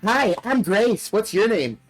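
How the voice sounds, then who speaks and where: A man's voice: sits high, animated, slow pace, faint music behind, voice pushed up, full character voice. A man voicing a creepy talking porcelain doll, a sweet childlike little girl, while reading game dialogue aloud. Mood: sweet, eager.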